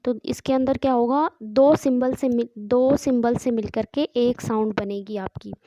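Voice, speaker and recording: An Indian woman with a slightly high, mellow voice teaches English sounds in a patient, step-by-step way. She repeats the key points as she explains. Her voice is recorded dry, with no room sound. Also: fairly even intonation, measured pace, no echo, low-quality recording. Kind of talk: classroom lesson explanation.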